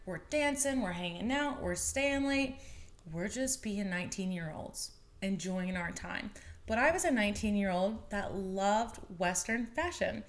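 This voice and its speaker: A woman's voice: medium pitch, a little slow. Young woman, podcast host, casual monologue, chatty storytelling, mid-range voice. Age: 20s. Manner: chatty, animated storytelling with laughs.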